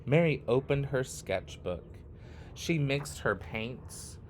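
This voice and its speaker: A read-aloud storyteller, a man, brings a children's picture book to life with an expressive, animated reading. His mid-pitched voice rises and falls freely as he goes slowly, pausing deliberately between short phrases, with faint background noise behind him.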